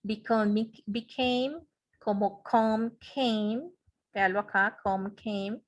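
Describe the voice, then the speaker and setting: A woman's voice: medium pitch, fairly even intonation, extremely slow, muffled recording. A woman teaching English grammar in an online class, explaining step by step and checking in with her students. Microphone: computer mic in a web conference.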